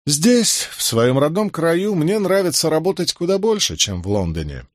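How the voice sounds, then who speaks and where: Guy reading as a smug sneering lawyer, curt and pleased with himself, pitch swings around, dry close sound. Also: sing-song, moderate pace, dry recording. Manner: sneering, curt, self-satisfied. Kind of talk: audiobook reading.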